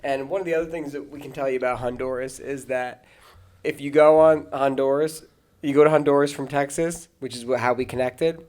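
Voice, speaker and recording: Rambling, laughing storytelling pastor. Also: male voice, medium pitch, fairly even intonation, fairly quick, a little mellow. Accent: American. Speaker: podcast host, pastor. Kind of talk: casual storytelling chat.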